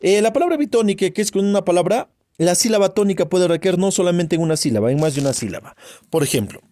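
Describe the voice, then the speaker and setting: Speaking fast and expressively, a grammar teacher with a high-sitting but dark-toned voice runs a spelling lesson. He keeps quizzing his audience, firing off rhetorical questions and brief checks that they understand.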